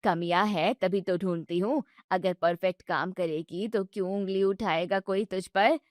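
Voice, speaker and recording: A woman's voice: on the low side, fairly even intonation, normal speed, dry recording, studio quality, voice pushed down, lightly acted. A woman voicing a bossy mother-in-law who scolds her daughter-in-law sharply. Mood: scolding.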